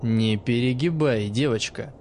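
A man playing a stern, gruff old teacher who speaks in a dry, sarcastic and sometimes menacing way. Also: mid-range voice, unhurried, darkish tone, slight background noise, lightly acted. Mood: mocking.

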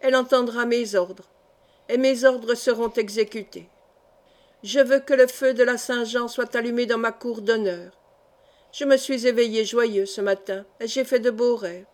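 Un vieux comte exalté et fiévreux, lu par une femme, au ton emphatique et orgueilleux. La voix reste assez haute, comme celle de la lectrice, dans une lecture de livre audio. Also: female voice, on the high side, steady tone, normal speed, a little mellow, close to an everyday voice. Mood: exalted. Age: older. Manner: emphatic, proud. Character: old exalted feverish male count. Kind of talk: audiobook character reading.

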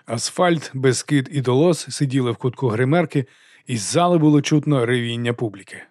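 A man reading a comic fantasy audiobook in an even storytelling voice. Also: mid-range voice, fairly quick, no echo, studio quality. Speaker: audiobook narrator. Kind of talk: scripted narration.

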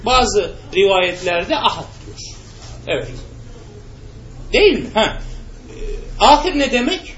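High-voiced man teaching a religious class. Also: sing-song, takes it slowly, pauses often, a bit bright. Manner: asks rhetorical questions and answers them himself. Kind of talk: classroom lesson with questions to students. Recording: muffled recording with faint background noise.

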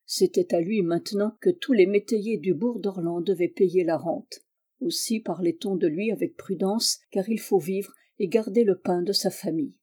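A woman reading a classic novel aloud in a measured, even storytelling manner. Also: mid-range voice, husky. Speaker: audiobook reader.

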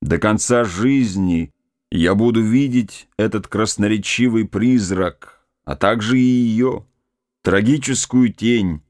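A man giving a grave, measured reading of a literary novel as the first-person narrator. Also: fairly low pitch, a little mellow, dry recording, studio quality. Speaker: audiobook narrator.

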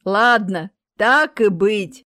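Feisty old lady, slow and drawn-out, clipped and dry, a woman putting her on, high voice. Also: dry recording. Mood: picky. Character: feisty old woman, stubborn and sharp-tongued.

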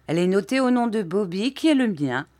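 A woman's voice: mid-range voice, very animated, fairly quick, darkish tone, pitched above the performer's own voice, close to an everyday voice. A woman reading as Bobby, a boastful English detective. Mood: pompous. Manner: formal, self-important. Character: boastful, pompous English detective, thirty-year-old man.

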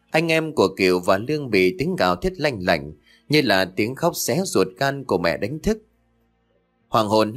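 A man tells a horror story with a lively, rising and falling voice at a middle pitch. His reading is expressive and dramatic, with soft music faintly underneath. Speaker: audiobook narrator.

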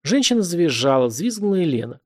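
A man narrating a novel as an audiobook in an expressive, vivid reading. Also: on the high side, fast talker.

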